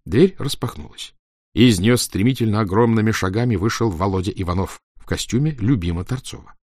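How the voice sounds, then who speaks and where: A man narrating an audiobook in an expressive storytelling manner. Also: lowish voice, brisk, slightly rough, no room sound, clean studio sound.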